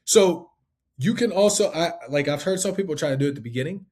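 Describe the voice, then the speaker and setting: A man's voice: a little high, lively intonation, fast, a little mellow. A man teaching life insurance sales in a loose, conversational way, full of fillers and tag questions. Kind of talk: casual instructional talk.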